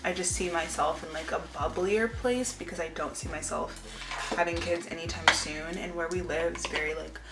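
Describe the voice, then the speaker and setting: Low-pitched young woman chatting casually in a roomy space. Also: steady tone, moderate pace. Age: 20s. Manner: informal, rambling, confiding. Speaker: lifestyle vlogger. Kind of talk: casual chit-chat to camera. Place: indoor room at home. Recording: roomy echo with music behind. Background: music.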